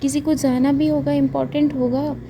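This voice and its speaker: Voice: high-pitched, little pitch movement, moderate pace, warm tone, slight background noise. A woman voicing an impatient person scolding someone to come out of a washroom. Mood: irritated. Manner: irritated, scolding.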